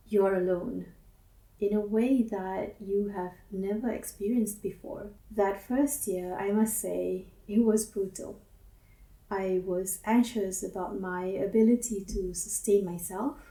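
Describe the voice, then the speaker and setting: An unhurried woman in her forties with a lilt, speaking softly and thoughtfully about her own path. Her voice is warm and mellow, and she is set back from the mic in a roomy, echoing space. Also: mid-range voice, steady tone. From Singapore. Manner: gentle, measured, introspective. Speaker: counselor and academic advisor. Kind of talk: reflective personal monologue. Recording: roomy echo, mic at a distance.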